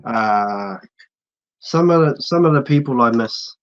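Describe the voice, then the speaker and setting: A man's voice: mid-range voice, animated, a little slow. A man with a broad New Zealand accent chatting casually as an interview guest, in a laid-back, slangy way. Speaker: interview guest, social media creator. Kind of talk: casual chat. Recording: dull, muffled lo-fi audio.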